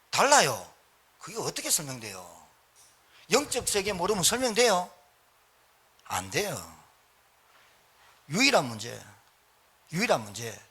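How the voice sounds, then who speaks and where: A middle-aged male pastor preaching a sermon, telling stories vividly and swinging between loud bursts and hushed lines. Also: high-pitched. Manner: animated storytelling, acting out scenes, swings between loud and hushed. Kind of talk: sermon with personal storytelling.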